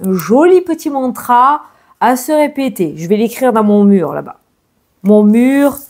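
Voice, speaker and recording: A woman's voice: on the high side, animated, a little slow, a little mellow. A woman doing a casual tarot and oracle card reading, chatting straight to the viewer and often correcting herself mid-sentence.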